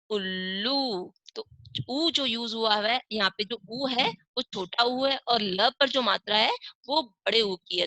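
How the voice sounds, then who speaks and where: A woman's voice: fairly high pitch, pushed and bright, dry recording. A woman teaching an online class to young children, sounding out words syllable by syllable and asking the class questions. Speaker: primary school teacher.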